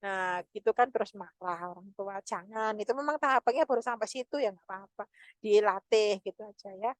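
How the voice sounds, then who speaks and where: A woman's voice: medium pitch, brisk, dry recording. A woman gives a patient online lesson to parents, explaining step by step with many fillers and speaking straight to the mothers watching. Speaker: parenting educator.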